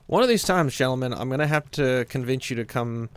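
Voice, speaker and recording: A man's voice: medium pitch, animated, brisk, smooth. A man chatting casually with friends while playing a video game, laughing easily. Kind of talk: casual gaming chat.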